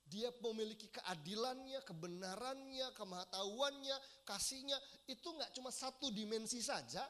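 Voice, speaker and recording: A man's voice: extremely high pitch, sharp tone. A man in his thirties preaching a sermon as pastor, earnest and addressing the congregation directly with questions. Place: large church hall.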